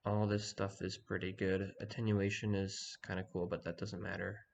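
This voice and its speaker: A man talking quietly in the early morning so as not to wake anyone, giving a casual screen-share walkthrough. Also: low-pitched, flat delivery, moderate pace, vocal fry, a little hiss or hum. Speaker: online community organizer giving a tutorial.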